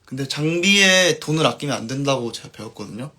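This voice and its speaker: Relaxed man chatting on a live stream. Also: mid-range voice, a little fast. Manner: relaxed, trailing off softly at line ends. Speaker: band musician hosting a live stream. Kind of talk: casual live-stream chat, reading viewer comments.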